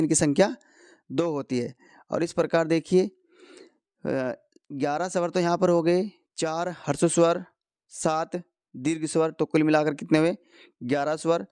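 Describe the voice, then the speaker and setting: Guy teaching hindi grammar, kinda high voice, asks a question then answers it himself, dead dry sound. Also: a little mellow, no room sound. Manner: slow, repeats key answers, asks and answers his own questions. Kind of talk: explanatory lesson for competitive exam students.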